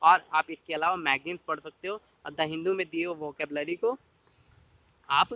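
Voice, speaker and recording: Guy teaching exam stuff, highish bright voice, keeps repeating, dry close mic. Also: fairly even intonation, normal speed, dry recording. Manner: repetitive, addresses viewer directly with "dekhiye". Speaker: exam prep tutor. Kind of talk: casual teaching explainer.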